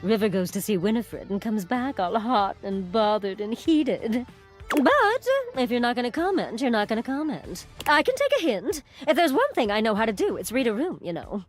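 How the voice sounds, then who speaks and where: A woman's voice: a little high, big pitch swings, normal speed, faint music behind. An actress playing a nosy, playfully pushy female friend in a video game, with a teasing, sassy drawl. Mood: sly, flirty. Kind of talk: video game character acting.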